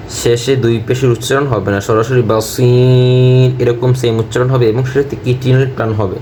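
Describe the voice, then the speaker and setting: A man teaching Quran recitation word by word. He chants each phrase slowly and repeats it, then explains the pronunciation rules. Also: mid-range voice, steady tone, dark tone, slight background noise.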